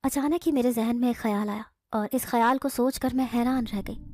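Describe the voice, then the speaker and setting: Woman storyteller, emotional first-person horror narration, slightly high voice. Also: a little mellow, dry recording.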